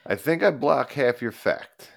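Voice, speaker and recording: A man's voice: mid-range voice, animated, unhurried, creaky, no room sound, studio quality. A man co-hosting a podcast in casual chat, methodically reasoning through the scoring. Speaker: podcast co-host.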